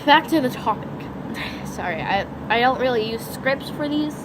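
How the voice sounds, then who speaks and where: A teenage girl with a high, lively voice talks at a normal pace in an unscripted, rambling vlog, packed with "like," sounding congested, sniffly and sore-throated. She films herself on a phone camera outdoors beside a lake during a lightning storm. The recording picks up outdoor background noise and thunder.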